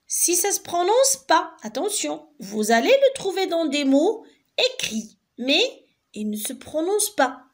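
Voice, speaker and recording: A woman teacher giving a lesson to young children, gentle and patient, repeating each word slowly and clearly. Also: extremely high pitch, very animated. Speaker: primary school teacher. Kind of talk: slow, patient classroom lesson.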